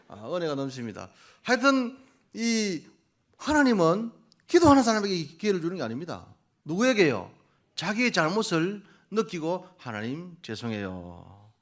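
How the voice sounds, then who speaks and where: A male missionary preacher giving a Sunday morning sermon, quizzing the congregation and coaxing answers, then building to loud, emphatic peaks. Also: on the high side.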